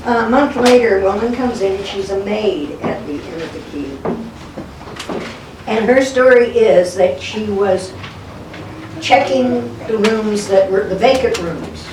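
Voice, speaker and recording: Guest speaker and local historian, an older woman shares stories live at a historic log cabin, conversational and folksy, voicing the dialogue herself. Her medium-pitched voice comes through background noise and music on a roomy recording from a distant mic.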